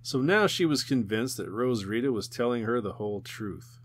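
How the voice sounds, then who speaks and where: A man reading an audiobook aloud in a steady, measured storytelling manner. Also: medium pitch, breathy edge. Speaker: audiobook reader. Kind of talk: audiobook narration.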